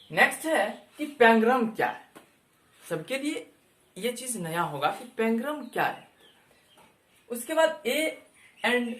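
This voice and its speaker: A man teaching a lesson as a YouTube teacher, repeating each word slowly and stretching it out to show the pronunciation. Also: high-pitched, a bit bright, reverberant. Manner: drawn-out, repeats words for pronunciation. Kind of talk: slow explanatory lesson.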